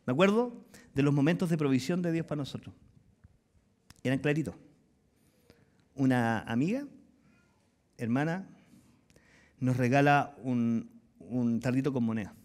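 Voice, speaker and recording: A middle-aged man with a Chilean accent, preaching a sermon as pastor and acting out voices in lively storytelling. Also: mid-range voice. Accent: Chilean Spanish. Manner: animated storytelling, acts out voices and dialogue.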